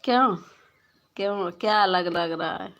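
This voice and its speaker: Slow, teasing woman with a lilt. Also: mid-range voice, a bit bright, lo-fi sound. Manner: teasing, scolding viewers playfully, laughing. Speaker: live stream host. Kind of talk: casual live stream chat with viewers.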